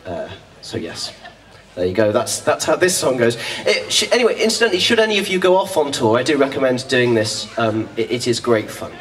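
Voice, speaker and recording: A man's voice: mid-range voice, big pitch swings, brisk, crowd noise, noisy background. A man, a folk singer, chatting to an outdoor audience between songs with dry, self-deprecating humour. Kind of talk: stage banter between songs. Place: outdoor festival stage. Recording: distant outdoor live recording.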